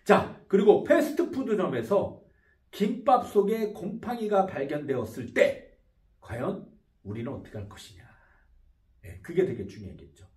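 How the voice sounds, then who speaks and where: A man, a psychology professor, giving a video lecture in an animated way and acting out short example dialogues. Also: high-pitched, moderate pace. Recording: echoey room, voice from far off mic.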